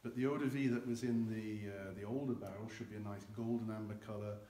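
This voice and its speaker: Mellow and low-side, this older guide's voice holds a steady tone while he talks fast about how cognac ages. Both hands gesture as he explains in a large, dim, earthen-floored barrel warehouse. A camera a few meters away captures him, and the sound is echoey with a bit of faint noise.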